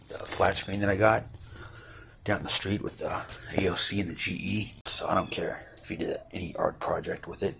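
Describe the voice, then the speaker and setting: A man's voice: sits low, gravelly, pushed and bright, slight background noise. A man in his twenties casually rambling with mumbled asides and offhand swearing while he works outside in a backyard. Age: 20s. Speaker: vlogger. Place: outdoors in a backyard under a roof.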